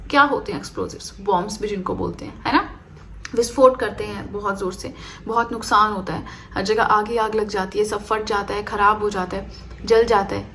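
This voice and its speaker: A woman's voice: a little high, a little hiss or hum. A woman teaching an exam-prep chemistry lecture, explaining step by step and checking in with her students.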